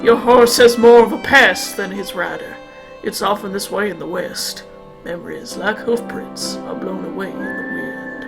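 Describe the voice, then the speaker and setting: A woman putting on a gruff, solemn male cowboy narrator voice for a game, talking low and slow. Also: over music, lightly acted, rough recording.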